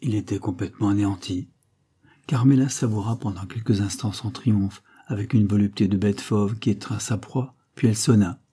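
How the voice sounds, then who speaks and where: A man narrating a classic French novel as an audiobook in a measured, literary delivery. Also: on the low side, fairly even intonation, dark tone, breathy edge.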